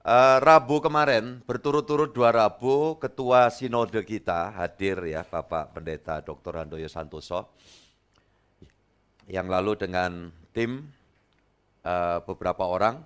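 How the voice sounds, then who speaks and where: Guy preaching in church, east java accent, low voice, clear and resonant, acts out the dialogue. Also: measured pace. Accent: Indonesian, East Java. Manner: animated storytelling, acting out dialogue in a raised voice. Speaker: pastor. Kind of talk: lively sermon.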